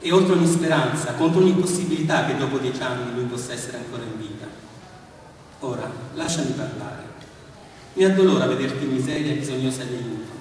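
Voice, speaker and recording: A man voicing a gentle middle-aged miller earnestly asking a woman to marry him. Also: mid-range voice, a little fast, close to an everyday voice. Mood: pleading. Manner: earnest, pleading. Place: large hall of a villa's lemon house. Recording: echoey hall, far from mic.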